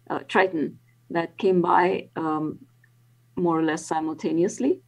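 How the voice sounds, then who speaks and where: A woman in her sixties, a planetary scientist, gives careful explanatory interview answers on a video call, with frequent ums and restarts. Her voice is low-pitched, creaky and a little mellow, and the highs are cut off.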